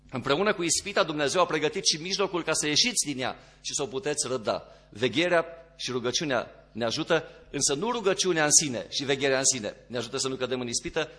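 A man preaching a sermon, dropping to quiet low passages and rising into emphatic, louder ones.

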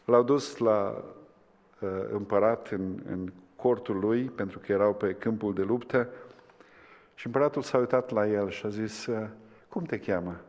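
A man preaching a sermon, swinging between impassioned climaxes and hushed, quiet lines. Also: fairly low pitch, fairly even intonation. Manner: impassioned, rising to fervent climaxes then dropping to hushed tones. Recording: long hall reverb.

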